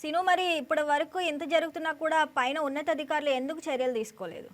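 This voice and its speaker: A woman news anchor reading headlines and putting questions to a reporter in a brisk, formal way. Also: high voice, fairly even intonation.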